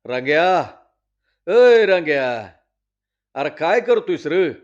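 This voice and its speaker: A man voicing a stern village headman who calls out and gives orders loudly. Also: fairly high pitch, slow pace. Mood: calling out. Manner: bossy, shouting orders. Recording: dull lo-fi recording.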